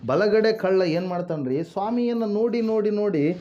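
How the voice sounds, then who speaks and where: High-voiced preacher asking questions. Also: male voice, normal speed, dark tone, muffled recording. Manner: asks the congregation questions and answers them himself; calls out hallelujah and praise the Lord. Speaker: pastor. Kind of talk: sermon.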